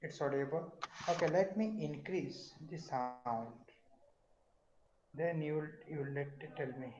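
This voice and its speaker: A man's voice: fairly high pitch, unhurried, a crowd in the background. A middle-aged man, a professor lecturing an online class and quizzing his students, with many fillers and restarts. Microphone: video call. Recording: echoey, dull online class audio.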